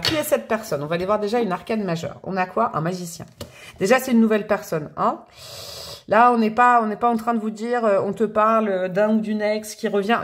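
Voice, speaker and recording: A woman giving a casual, chatty tarot reading to her viewers, expressive and laughing often between her thoughts. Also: mid-range voice. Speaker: tarot card reader.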